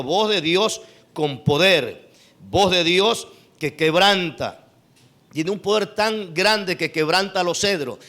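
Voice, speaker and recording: A man's voice: high voice, a bit bright. A man from Ecuador preaching a sermon, repeating phrases and asking the congregation rhetorical questions.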